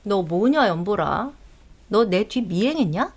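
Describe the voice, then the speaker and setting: A woman's voice: mid-range voice, lively intonation, measured pace, heavy background noise. A woman voicing a touchy, cold young female lecturer who answers curtly in a voice drama. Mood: snappish. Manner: curt, snappish, defensive.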